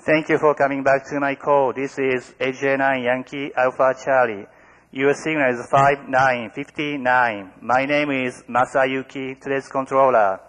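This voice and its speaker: Monotone Japanese-accented male radio controller, echoing hall. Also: mid-range voice. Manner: formulaic, deliberate callsign spelling. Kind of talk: formal amateur radio call procedure. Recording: noisy radio contact in reverberant hall.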